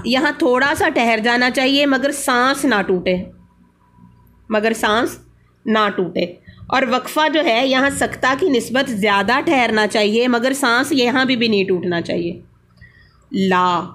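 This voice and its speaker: Woman teaching Quran pause marks. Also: on the high side, a bit bright. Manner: explains slowly, repeats key rules. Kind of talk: religious lesson.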